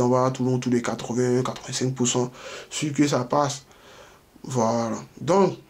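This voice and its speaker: A man talking viewers through a betting analysis on screen, step by step, repeating key phrases and checking in with "ok" and "voilà". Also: on the high side. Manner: addresses viewers directly, informal. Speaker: sports betting tipster. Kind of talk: screen-share tutorial.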